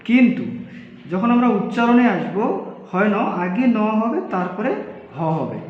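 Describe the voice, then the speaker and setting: High-voiced man teaching in an echoey room. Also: animated, a little hiss or hum. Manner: explains slowly, repeats phrases, frequent fillers. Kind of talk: spelling and pronunciation lesson. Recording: echoey room, slightly dull lo-fi sound.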